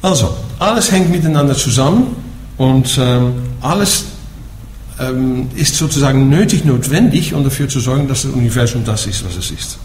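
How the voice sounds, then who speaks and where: A Dutchman teaches Buddhism in German, speaking to a group at a moderate pace in a medium-pitched, animated, slightly mellow voice. His manner is patient and explanatory, with a "ja?" after nearly each point. The recording has echo and faint background noise.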